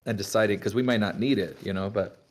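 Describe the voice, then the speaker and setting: Low-pitched male player thinking aloud. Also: fast talker. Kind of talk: casual tabletop game chat.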